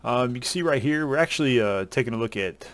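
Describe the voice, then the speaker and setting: A man, chatting casually to camera through a headset at home, relaxed and rambling with many uhs and ums. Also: mid-range voice, fast. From Southern US. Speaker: ski vlogger. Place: home room at a desk.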